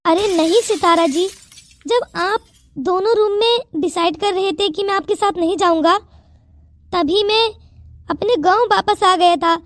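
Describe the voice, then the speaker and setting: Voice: very high voice, a little slow, a bit bright, no room sound. A voice artist playing an earnest, respectful young man who guards a rich girl in a cartoon. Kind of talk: cartoon story voice acting.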